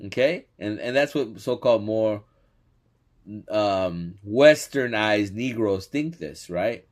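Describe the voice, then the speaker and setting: A religious teacher comments on a clip, teaching scripture casually and animatedly, laughing a lot and often checking in with "okay?". His voice is lowish and his pace slow.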